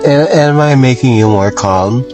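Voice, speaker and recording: A tearful man riding as a passenger, soft-spoken and emotional in a casual conversation. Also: medium pitch, unhurried, recorded from a distance, music in the background. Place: inside a car on a trip.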